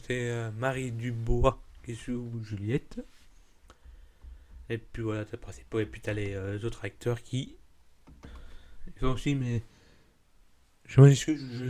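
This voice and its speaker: With a medium-pitched, dark voice, this man rambles casually to his viewers as a YouTuber, often tripping over words and fixing them. He has a Belgian French accent, and the talk is relaxed vlog chatter.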